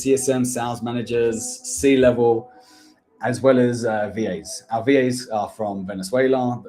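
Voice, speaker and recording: Hosting a live-stream Q&A about landing jobs, a recruitment agency owner gives blunt, coaching advice and keeps calling people "bro." His medium-pitched voice has a slightly mellow quality.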